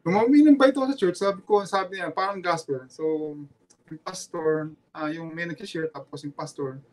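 Earnest Filipino man, high voice. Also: darkish tone. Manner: earnest, halting, repeats himself, mixes Tagalog and English. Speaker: former pro basketball player, guest. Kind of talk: casual podcast interview, personal testimony.

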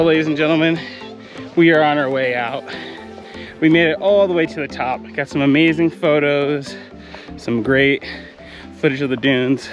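A man vlogging casually outdoors on sand dunes, laid-back and chatty, often saying "like", recorded on an action camera. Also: a little high. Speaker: travel vlogger. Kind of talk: casual on-camera vlog chat.

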